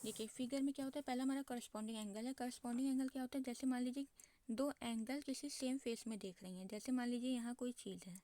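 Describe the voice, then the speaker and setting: A woman's voice: a little high, fast, warm tone, no echo. A woman teaching a maths lesson, asking herself questions and answering them, often checking in with her class. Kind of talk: explaining a lesson at a board.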